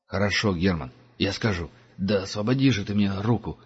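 A man doing a jittery young lad in an audiobook, clever and talkative, his speech quick and pleading. The recording sounds dull and lo-fi. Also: sits low, slightly rough, long reverb tail. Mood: frightened.

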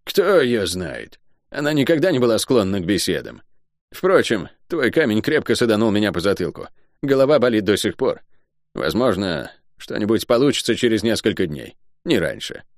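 A man's voice: lowish voice, sing-song, moderate pace, no echo, clean studio sound. A man voicing a scornful, menacing cursed sorceress in an audiobook. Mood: mocking. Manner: mocking, sinister.

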